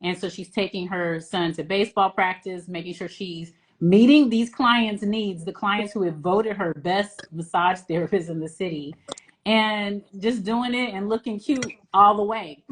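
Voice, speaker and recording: A woman's voice: medium pitch, measured pace, poor audio. A woman hosting a casual interview, encouraging and affirming her guest. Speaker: interview host.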